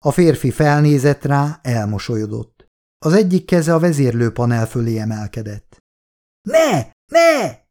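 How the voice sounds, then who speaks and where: A man narrating an audiobook in a steady, measured reading style, voicing characters' quotes quietly. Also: mid-range voice.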